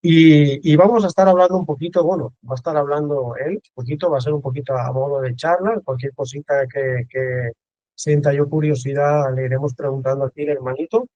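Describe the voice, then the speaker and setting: A man hosting a casual video-call interview, talking in a warm way with many restarts and repeated words. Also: fairly high pitch, fairly even intonation, brisk, no room sound, dull audio. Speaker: host.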